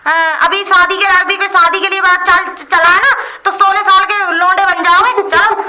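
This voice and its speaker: A woman's voice: extremely high pitch, flat delivery, normal speed, sharp tone, exaggerated voice. A woman playing a meddling teasing village aunt. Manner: teasing, gossipy. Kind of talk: village comedy sketch.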